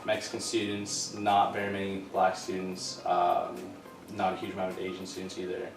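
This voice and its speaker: A man in his twenties from Southern California, answering interview questions in a measured, thoughtful way. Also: deep voice, completely flat delivery, gravelly. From Southern California, USA. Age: 20s. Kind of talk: casual interview. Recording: roomy sound from a distant mic with music.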